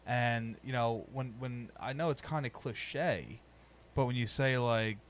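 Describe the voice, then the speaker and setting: A man's voice: mid-range voice, unhurried, slight background noise. A man chatting casually and swearing freely, with a slight whistle on his s sounds. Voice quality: whistles on s sounds when talking. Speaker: podcast participant. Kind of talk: casual conversational podcast chat.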